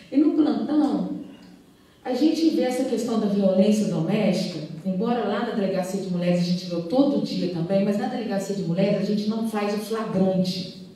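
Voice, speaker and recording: Woman, minas gerais accent, earnest and halting, mellow voice, echoey hall, far from mic. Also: mid-range voice. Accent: Minas Gerais Portuguese. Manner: earnest, halting, with many restarts. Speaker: police chief at a women's police station. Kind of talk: panel talk, recounting a case. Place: event hall.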